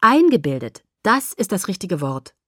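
A woman's voice: medium pitch, animated, normal speed, breathy edge, no echo, studio quality. A woman reading the first-person heroine's lines in a novel, a teenage girl who answers curtly. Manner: curt, hissing when annoyed. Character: teenage girl, impatient and distracted.

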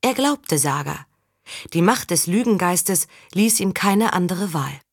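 A woman reading a historical novel aloud in calm, even storytelling. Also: lowish voice, unhurried, husky, no room sound, studio quality. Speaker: audiobook reader. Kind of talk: scripted narration.

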